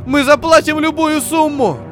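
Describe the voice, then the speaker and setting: A man voicing a frightened crowd of passengers, shrill and wailing with drawn-out pleas. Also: steady tone, a bit bright. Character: anxious pleading crowd of passengers.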